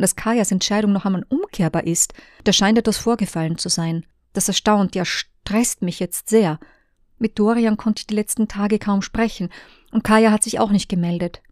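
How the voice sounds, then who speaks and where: A woman reading the messages of a conflicted woman, in a hushed, partly whispered delivery. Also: medium pitch, no room sound, clean studio sound, close to an everyday voice. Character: Ines, a torn woman, former lover.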